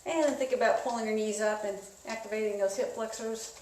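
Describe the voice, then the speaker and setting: A woman instructing an indoor spin class in a casual, conversational coaching style, giving gently encouraging cues. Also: mid-range voice, fairly even intonation, fairly quick. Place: indoors, echoey room. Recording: echoey room, distant mic, clear noise.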